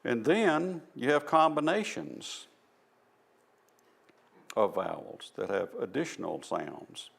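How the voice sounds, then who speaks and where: A man's voice: mid-range voice, sing-song, slow pace, vocal fry, long pauses, husky. A man with a Southern US accent giving an informal presentation at a church, explaining things step by step in a folksy, self-deprecating way. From American South. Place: church hall.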